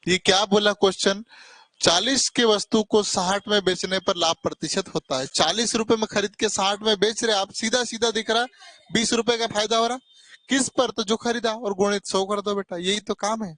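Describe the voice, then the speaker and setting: A man's voice: high-pitched, fairly even intonation, normal speed, fairly bright tone, no echo. Coaxing male maths tutor, dry sound. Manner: coaxing, mildly scolding, calls students "beta". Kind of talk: live classroom teaching.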